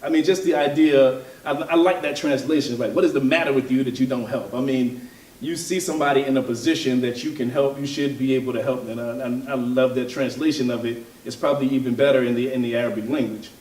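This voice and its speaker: A man's voice: mid-range voice, steady tone, fast, darkish tone. Man, reflective community talk, hesitant with fillers, set back from the mic in a roomy space. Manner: thoughtful, hesitant, with frequent fillers and restarts. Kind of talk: informal religious and political talk. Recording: roomy, from a distance.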